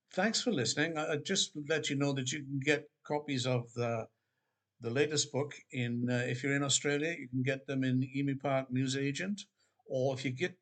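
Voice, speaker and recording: An older man from Wales, an author casually talking about his books in a relaxed, rambling way with many pauses and restarts. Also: mid-range voice. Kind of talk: casual spoken book promotion. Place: Queensland, Australia.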